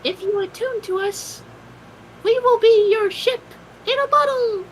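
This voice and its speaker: A dainty little pixie spirit from a tabletop game, polite and eager. The voice is extremely high and unhurried, with faint noise behind it. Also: male voice, fairly bright tone, rough recording. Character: tiny pixie-like spirit crew inside a bottle, eager. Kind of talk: tabletop game role-play.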